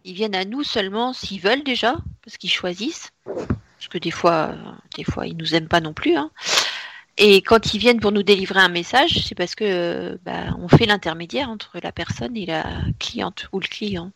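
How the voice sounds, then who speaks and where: A woman's voice: mid-range voice, animated, normal speed, gravelly, a bit bright, no room sound. A woman working as a medium, talking casually and emphatically about spirits. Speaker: medium on a phone line. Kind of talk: casual chat.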